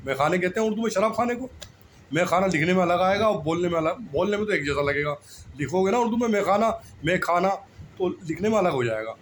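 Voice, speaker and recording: A man's voice: high voice, animated, fast talker, slight background noise, poor audio. A man in casual explanatory talk, telling homespun anecdotes and often checking that the listener has understood. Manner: repetitive, homespun storytelling. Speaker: channel host explaining language.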